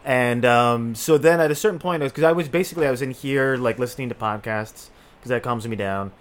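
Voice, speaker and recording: A man's voice: mid-range voice, brisk. Rambling man telling a story. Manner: rambling, full of "like" and restarts. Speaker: podcast co-host. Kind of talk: casual chat.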